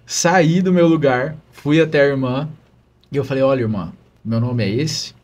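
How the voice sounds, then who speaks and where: Husky man telling his faith story. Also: mid-range voice, moderate pace, darkish tone. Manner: earnest, emotional storytelling. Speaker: podcast guest, religious brother. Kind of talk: telling a personal story in an interview.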